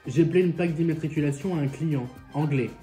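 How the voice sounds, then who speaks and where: A young man with a French accent and a slightly high voice speaks fairly quickly over loud background music. He's a vlogger reacting to viewer stories, chatting casually and sassily while eating, swearing freely and talking with his mouth full.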